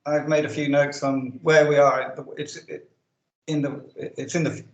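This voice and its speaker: A man hosting a remote interview. His call audio cuts out and his volume jumps up and down, and he talks haltingly, searching for words. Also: on the high side, little pitch movement, roomy sound, highs cut off. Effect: audio cutting out, uneven volume. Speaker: interviewer host.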